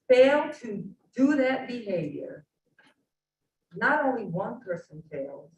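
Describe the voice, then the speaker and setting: A woman, a teacher, giving an earnest, measured public comment to a county legislature. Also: medium pitch, darkish tone. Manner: earnest, measured, pleading questions. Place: county legislature meeting room. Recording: echoey room from a distant mic, faint noise.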